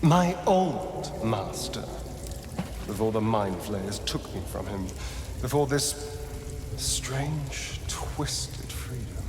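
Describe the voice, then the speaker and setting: Astarion, a theatrical, lively vampire. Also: male voice, on the low side, noisy background. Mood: bitter, brooding. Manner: theatrical, arch, drawn-out emphatic phrasing. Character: suave, bitter male vampire spawn, two centuries old, former magistrate. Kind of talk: theatrical video game dialogue. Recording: roomy reverb, music behind.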